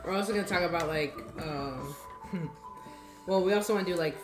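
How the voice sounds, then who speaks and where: A woman's voice: fairly low pitch, a little fast. A young woman co-hosting a casual podcast, chatty and swearing offhand. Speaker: podcast co-host. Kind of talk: casual chat. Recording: echoey room with loud music behind.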